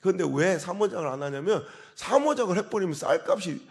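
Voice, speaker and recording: A man in his forties, a pastor preaching a revival sermon, telling stories with sudden loud outbursts and quiet asides. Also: sits high, expressive, brisk. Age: 40s.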